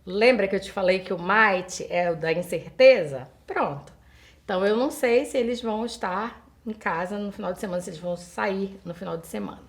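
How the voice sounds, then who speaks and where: A Brazilian woman who teaches English, explaining grammar step by step, reading example sentences slowly and translating them for her students. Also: medium pitch. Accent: Brazilian Portuguese. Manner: addresses students directly, asking them questions. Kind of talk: recorded online school lesson.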